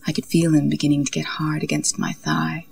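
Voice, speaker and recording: A woman narrating an intimate story in a soft, slow, breathy voice, often near a whisper, with a husky tone. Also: sits low, little pitch movement, a little hiss or hum. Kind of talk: intimate scripted story reading.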